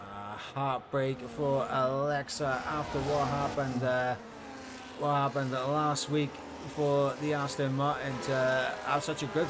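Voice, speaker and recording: A man's voice: mid-range voice, background noise. A man giving live play-by-play motorsport commentary on a sim race, calling the action in long running sentences.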